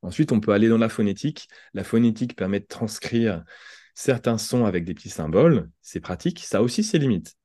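A man's voice: fairly low pitch, lively intonation, a little fast, mellow, no echo, studio quality. A French man speaking as a podcast guest, explaining thoughtfully with examples and frequent restarts. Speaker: podcast guest, language entrepreneur. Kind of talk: conversational interview.

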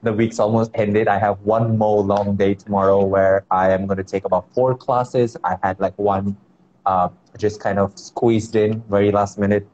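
A man's voice: on the low side, little pitch movement, normal speed, darkish tone. Easygoing man on a muffled, noisy call. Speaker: interview guest, dance teacher. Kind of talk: casual chat. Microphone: remote internet live-stream call.

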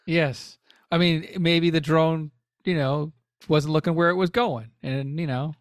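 A man's voice: a little high, steady tone, unhurried, no room sound, studio quality. A man co-hosting a casual podcast, wry and self-deprecating in his jokes. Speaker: podcast co-host. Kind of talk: casual chat.

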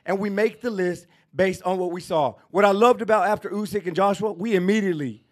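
High-voiced man ranting about boxing. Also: brisk. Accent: Texan. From Texas. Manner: emphatic, repetitive, ranting. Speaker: podcast co-host. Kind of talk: casual sports debate.

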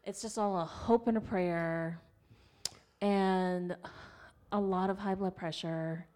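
A woman's voice: fairly low pitch, slow, clear, resonant tone. Chatty woman host telling stories. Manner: animated storyteller, laughs often. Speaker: podcast host. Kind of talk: casual chat.

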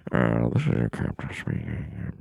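A man voicing a drowsy male airline captain who makes a slow, laid-back cabin announcement in a very deep gravelly voice. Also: sing-song, noisy background, exaggerated voice. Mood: mock announcing.

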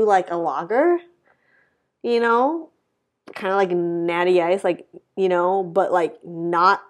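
A woman's voice: mid-range voice, a bit bright. A woman co-hosting a podcast in casual chat, rambling with many fillers and laughing easily. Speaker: podcast co-host.

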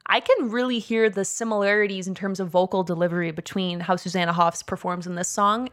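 Woman chatting about songs on a podcast, animated, laughs a lot, says like constantly, mid pitch. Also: brisk. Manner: animated, laughs often, lots of "like". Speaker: podcast co-host. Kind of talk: casual music discussion.

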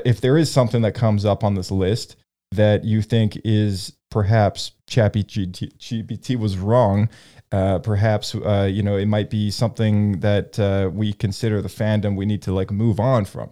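A podcast host leads a casual group discussion in a fairly low, dark-toned voice with flat delivery at normal speed. He rambles, with plenty of ums, fillers and restarts.

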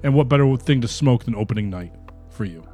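A man's voice: medium pitch, animated, fast, warm tone, faint music behind. A man co-hosting a podcast, joking crudely and dryly, then narrating as dungeon master. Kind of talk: casual podcast banter and game narration.

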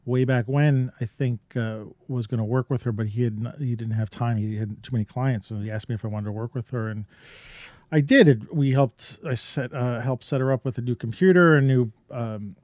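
A man's voice: medium pitch, normal speed, darkish tone, dry recording. A man co-hosting a podcast, talking in a loose, rambling way with lots of fillers and restarts. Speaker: podcast co-host. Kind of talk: casual chat.

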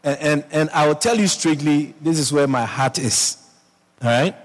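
A man's voice: a little high, normal speed. A man, preaching a sermon to his congregation and often checking in with them through questions. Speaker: pastor. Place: church hall. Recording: long hall reverb.

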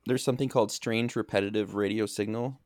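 Male podcast co-host, very deep dry voice, halting and self-correcting, has hiccups. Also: fairly even intonation, a little mellow, no room sound. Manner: halting, restarts and self-corrections, reads search results aloud. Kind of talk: casual chat.

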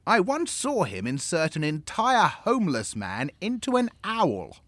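A man's voice: high-pitched, huge pitch swings, unhurried, fairly bright tone, no echo, full character voice. A man playing a smug, greedy male arms-dealer businessman in a comedy sketch, oily and condescending.

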